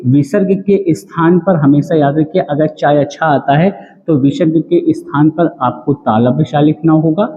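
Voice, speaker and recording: A man with a fairly high voice teaches an exam-prep grammar lesson. He repeats every rule and keeps quizzing the listener, dragging out the syllables of each example word. The sound is tinny and lo-fi, with a long, ringing echo. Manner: drawn-out, spelled-out syllables on the examples.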